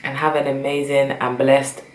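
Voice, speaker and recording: Speaking in a very deep, monotone voice at normal speed, a young adult vlogger from Britain rambles casually to camera in a British accent. Her recording has an echoey room sound and faint noise.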